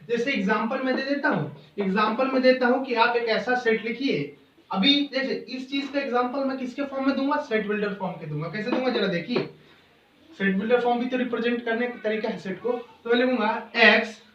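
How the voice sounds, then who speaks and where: A man's voice: very high-pitched, fairly bright tone, a little hiss or hum. A young man teaching a math lesson, dictating definitions word by word and quizzing students with questions he answers himself. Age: young adult. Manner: dictates definitions slowly word by word, repeating phrases; asks students rhetorical questions and answers them. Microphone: phone mic. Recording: echoey room, distant dull phone mic.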